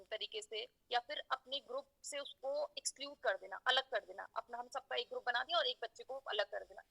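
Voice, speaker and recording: Woman teaching a psych class, bright voice w some vocal fry, goes step by step w lots of ums. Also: a little high, poor audio. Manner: explains step by step with many fillers and English terms. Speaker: psychology lecturer. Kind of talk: recorded university lecture.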